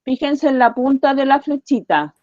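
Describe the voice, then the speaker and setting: A woman teacher giving a science lesson to children, patiently repeating her questions and slowly spelling out each point. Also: high voice, animated, darkish tone, dry recording, muffled recording. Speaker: primary school teacher.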